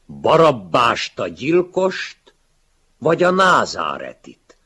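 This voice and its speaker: A man reading a story and voicing a calm, gentle master who speaks softly and quietly. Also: low-pitched, breathy edge, full character voice. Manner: soft and gentle, hushed. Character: gentle, calm male master, a teacher figure.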